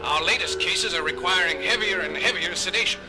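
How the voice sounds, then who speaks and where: A man's voice: high-pitched, fairly quick, over music, close to an everyday voice, low-quality recording. A man playing a harried, blunt starship doctor in a science fiction audio drama, urgent and exasperated.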